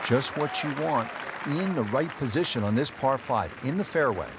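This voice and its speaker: A man calls live golf as the lead commentator, with a medium-pitched voice and a measured play-by-play delivery. A loud crowd and heavy outdoor noise sit behind him. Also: expressive. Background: crowd and outdoor ambience.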